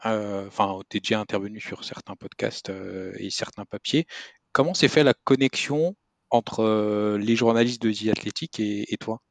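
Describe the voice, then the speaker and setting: Male host, low pitch, dry room, hesitant casual questioning. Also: creaky, dry recording. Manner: halting, searching for words. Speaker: podcast host.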